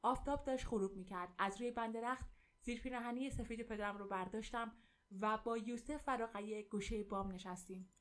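A woman narrates a first-person story with vivid feeling. Her voice sits on the high side and carries the tension of the scene. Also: steady tone.

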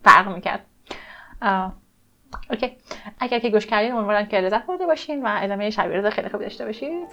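A woman reading a science-fiction story aloud in a calm, soft manner. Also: medium pitch, long pauses, dull audio.

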